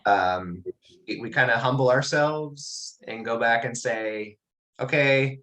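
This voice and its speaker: A middle-aged man teaching a class over a video call, telling a personal story in a relaxed, reflective way with many restarts. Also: medium pitch, takes it slowly, pauses often, poor audio.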